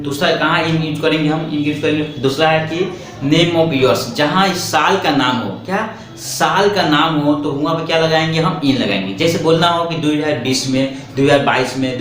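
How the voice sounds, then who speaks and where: A man's voice: a little high, fairly bright tone. Echoey male Hindi English teacher. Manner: repeats questions to the viewer and answers them himself; slows right down for English example sentences. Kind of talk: spoken English lesson in Hindi. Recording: echoey room with faint background noise.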